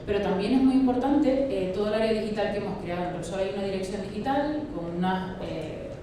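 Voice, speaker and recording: Woman from spain on an expert panel, spanish accent, business talk, far from mic, noisy. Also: mid-range voice. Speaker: expert panelist, IT operations manager. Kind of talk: unscripted panel remarks in business jargon. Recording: very echoey hall, distant, noisy.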